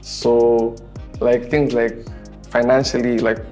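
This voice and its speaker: A man in his twenties hosting a relaxed group chat, talking in halting bursts full of restarts and fillers. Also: mid-range voice, faint music behind. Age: 20s. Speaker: host. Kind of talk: casual chat.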